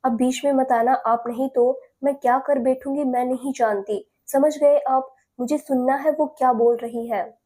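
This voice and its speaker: A woman's voice: high voice, fairly even intonation, unhurried, dark tone. A woman voicing a hurt, angry young bride who speaks coldly and firmly in an audio drama story. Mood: furious. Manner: hurt, cold and commanding.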